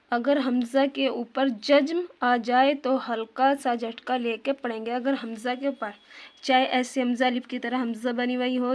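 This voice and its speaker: Woman patiently teaching Quran pronunciation. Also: fairly high pitch. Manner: patient, repeats terms and asks questions back to viewers; slows down to demonstrate Arabic sounds. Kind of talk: tajweed lesson.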